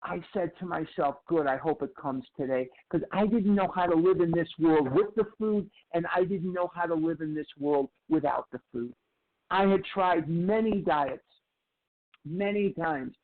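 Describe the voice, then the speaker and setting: A man's voice: a little high, normal speed. Man in his sixties, tinny phone-like sound. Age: 60s. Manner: candid, emphatic storytelling with repeated phrases. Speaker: recovery speaker. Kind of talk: personal recovery share.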